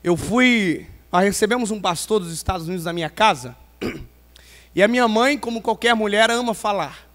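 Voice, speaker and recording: Male preacher, very high pitch, humorous storyteller, long hall reverb. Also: lively intonation, normal speed. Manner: playful, swings from loud emphasis to quiet asides. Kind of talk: pentecostal sermon with humorous stories. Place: large church hall.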